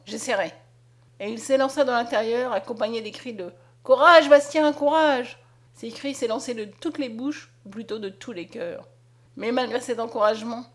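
A woman narrating a story aloud in a dramatic, expressive reading. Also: fairly high pitch. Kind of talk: scripted audiobook narration.

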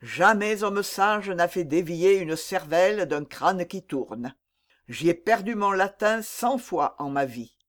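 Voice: mid-range voice, expressive, slow pace, fairly bright tone. A reader voicing a seasoned older musketeer captain, blunt and mocking, in an audiobook reading of a classic novel. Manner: teasing, blunt, worldly.

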